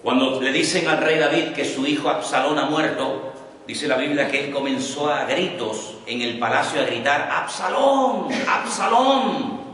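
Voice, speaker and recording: A male pastor teaches a Bible class, repeating his points slowly so people can note them. His voice comes from some distance. It rings out in a big, echoey church hall with a long reverb tail. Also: fairly high pitch, a bit bright.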